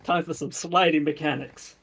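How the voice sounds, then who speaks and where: A man playing a tabletop game, chatting casually with the group in a husky, creaky voice. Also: a little high, steady tone, normal speed, a bit bright, slight background noise.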